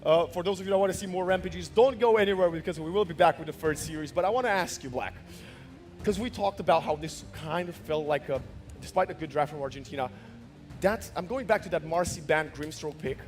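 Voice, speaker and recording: A man's voice: fairly high pitch, fairly quick, faint music behind. A man hosting a live esports broadcast, giving commentary and recap of the match. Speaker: esports caster and host.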